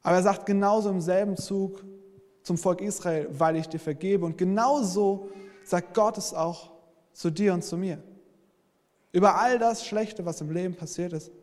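A man's voice: high voice, moderate pace, darkish tone. A man preaching a sermon as pastor, earnest, speaking straight to his listeners and often breaking in with "hey". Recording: long reverb from a large hall.

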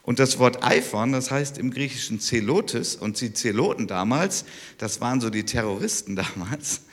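A man's voice: mid-range voice, expressive, moderate pace. A man preaching a sermon in a conversational, emphatic way, his stresses rising as he presses a point. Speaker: pastor. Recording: long hall reverb.

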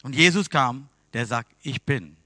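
A man preaching a sermon to a congregation in with broken grammar, earnest, swinging between loud urging and quiet pleading. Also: medium pitch, a little slow, no echo.

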